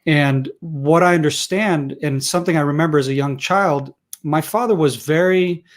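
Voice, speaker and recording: Rambling Israeli-born man, slightly high voice. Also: moderate pace. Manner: rambling, frequent restarts and fillers. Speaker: guest. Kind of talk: conversational interview.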